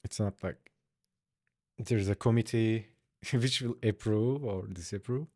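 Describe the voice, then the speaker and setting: Slow, laid-back man on a dry mic. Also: lowish voice, a little mellow, dry recording. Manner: laid-back, chatty, answers chat aloud. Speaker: art streamer. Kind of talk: casual livestream chat while drawing.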